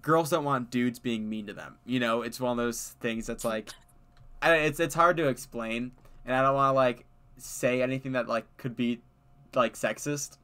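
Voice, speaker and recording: A man's voice: mid-range voice, normal speed, bright, forceful tone, clean tone. Young male streamer, clean ringing voice, casual rambling chat with laughs. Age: young adult. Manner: rambling, laughs often, many fillers. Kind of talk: casual chat while gaming.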